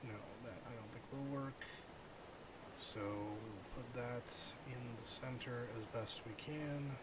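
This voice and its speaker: This is casual live game stream chat from a middle-aged man who muses aloud to viewers as he plays. He talks slowly in a steady mid-range voice, and the recording is very noisy.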